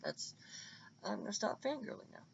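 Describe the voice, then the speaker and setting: A man giving casual, excitable and rambling commentary on a computer game fight, on a dull lo-fi recording with faint hiss. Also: high voice, moderate pace, gravelly. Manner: excitable and rambling, with many restarts.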